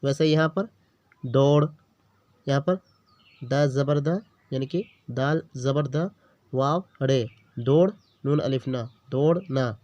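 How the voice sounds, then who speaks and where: Taking things slowly, a male Urdu teacher with a medium-pitched, darkish voice guides a beginner through letters and words one by one. He repeats every word and checks in often with the learner. There's no echo, though the recording itself is dull and lo-fi.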